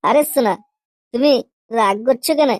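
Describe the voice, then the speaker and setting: A woman's voice: on the high side, normal speed, darkish tone, no echo, soft background music, close to an everyday voice. A woman voicing a crude, pushy young boyfriend in a comedy cartoon, using coarse slang and a wheedling, teasing manner. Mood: coaxing.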